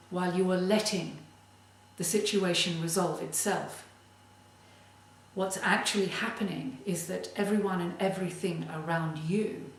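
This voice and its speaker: Slow, deliberate woman in an echoey room. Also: fairly low pitch. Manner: slow, deliberate, emphatic delivery. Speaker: creativity coach. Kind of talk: motivational tip talk. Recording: very echoey room, distant mic.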